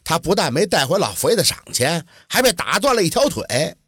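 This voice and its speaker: A man telling a folk tale in a lively, colloquial storytelling manner. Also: on the high side, fairly quick, husky, no echo, studio quality.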